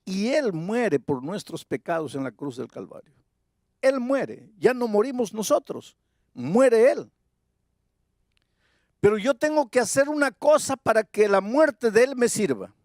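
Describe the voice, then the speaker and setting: A man's voice: high voice, no echo, studio quality. A male pastor preaching an evangelistic sermon in an emphatic way, repeating his key phrases.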